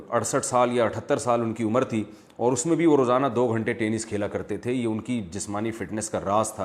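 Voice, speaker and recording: A man speaking as an Islamic scholar, answering viewer questions in a measured, explanatory, teacherly way. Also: lowish voice, a little mellow. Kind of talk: religious Q&A lecture.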